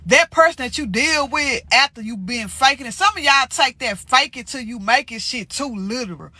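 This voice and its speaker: On her spiritual channel, this woman speaks in a fairly high, bright voice with a forceful tone, chatting frankly with viewers using slang and profanity. She's a bit stuffy from allergies, and the recording has no room sound.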